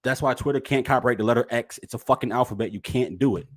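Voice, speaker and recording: A man co-hosting a casual podcast, talking emphatically, repeating his points and swearing, and getting loud and animated when excited. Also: mid-range voice, quick pace. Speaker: podcast co-host. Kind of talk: casual chat.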